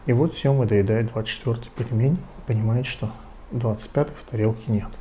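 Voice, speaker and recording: Mellow middle-aged man telling jokes. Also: medium pitch, steady tone, fairly quick, a little hiss or hum. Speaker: joke teller. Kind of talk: reading out short jokes, informal. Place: home kitchen, indoors.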